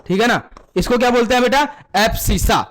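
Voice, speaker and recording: A man whose voice is extremely high and a bit bright talks a little fast while teaching math. The lesson runs on call-and-response in Hindi with English terms mixed in, as he keeps repeating a question, answering it himself, and calling students "beta."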